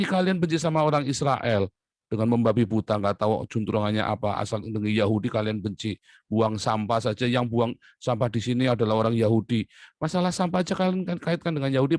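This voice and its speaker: A man delivering an impassioned monologue to his viewers, swinging between loud outbursts and low muttering. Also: no room sound, clean studio sound. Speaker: online commentator.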